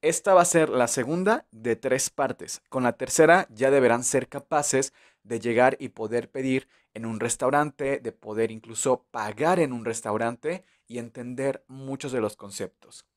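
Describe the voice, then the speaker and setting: Slow, patient man teaching English. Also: mid-range voice. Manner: patient, repeats English words slowly for learners. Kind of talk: beginner language lesson.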